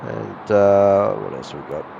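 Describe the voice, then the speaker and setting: Deep, gravelly man outdoors. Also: expressive, unhurried, lo-fi sound. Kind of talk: casual live chat. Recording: outdoor traffic and urban noise. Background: city and vehicle noise.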